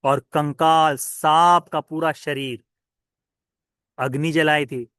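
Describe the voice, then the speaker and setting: Male monk, children's storytelling sermon, slightly high voice, question-and-answer delivery, dry. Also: takes it slowly, clear, resonant tone, dry recording. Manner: lively questioning, asks listeners and answers himself. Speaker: Buddhist monk.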